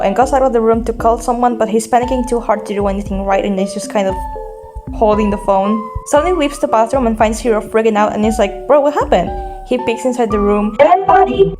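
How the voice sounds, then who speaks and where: A woman's voice: fairly high pitch, poor audio. A woman narrating a fan story in a casual, recorded voice-over, with a wry, offhand, joking delivery. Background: soft game soundtrack music.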